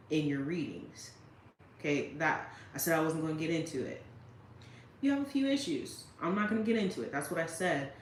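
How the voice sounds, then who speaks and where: A woman giving casual commentary straight to the viewer and reading quotes aloud, often checking in with her listener. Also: low voice. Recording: roomy echo with faint noise.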